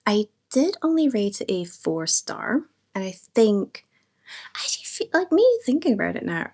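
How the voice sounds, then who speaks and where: A fairly low, somewhat dark voice belongs to this young adult woman, a book vlogger. She chats casually about the books she's read, enthusiastic and talkative, using lots of fillers.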